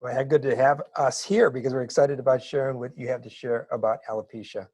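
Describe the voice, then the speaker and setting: A middle-aged man telling his story as an interview guest, animated and building to excited bursts. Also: mid-range voice, fast talker, no room sound. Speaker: interview guest, wig maker.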